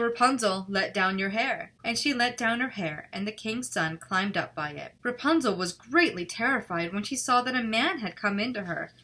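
Bright-voiced woman reading a fairy tale. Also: a little high. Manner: relaxed, chatty, self-critical. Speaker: illustrator and channel host. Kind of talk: storybook reading and casual art commentary.

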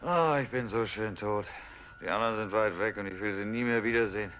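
A man giving a dramatic reading of a stage play, speaking as a bitter, despairing soldier, often hushed and at times rising to anguished cries. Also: lowish voice, fairly quick, lo-fi sound, a little hiss or hum. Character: Beckmann, despairing war-returned man.

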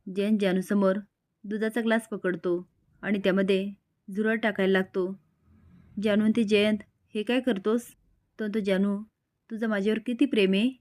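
Woman narrator, steady scripted read, does every character's quotes in her own plain voice. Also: mid-range voice. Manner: reads all characters' lines in the same plain voice. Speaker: narrator recapping a TV serial.

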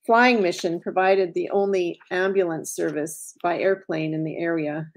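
Female author, measured storybook reading, mellow low voice. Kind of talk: reading her own story aloud.

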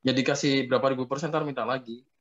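A man's voice: mid-range voice, steady tone, fast talker, dull audio, over a noisy crowd. A man acting as a spiritual teacher in a casual question-and-answer chat, teasing with dry humor. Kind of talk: casual Q&A with a follower.

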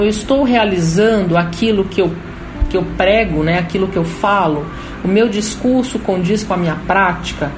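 A woman's voice: lowish voice, poor audio. A woman with a Brazilian accent giving an informal explanatory talk as a program host. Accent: Brazilian Portuguese. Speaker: program host and holistic therapist.

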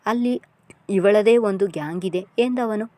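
A woman reads a serialized novel aloud in an even storytelling delivery. Her voice sits at a middle pitch. The recording is dry and close, with no room sound. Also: unhurried, no room sound. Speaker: audiobook narrator. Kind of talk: scripted novel narration.

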